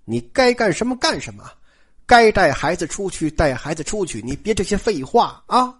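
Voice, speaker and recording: A storyteller voicing a composed young maid who speaks in a low, resigned way. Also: big pitch swings, moderate pace, slightly rough. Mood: stern. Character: calm young maid, weary and dismissive.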